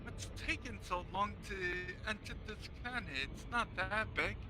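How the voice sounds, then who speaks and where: Brief: man, higher voice, laid-back short comments, music behind. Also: moderate pace. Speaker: friend on stream. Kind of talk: casual chat.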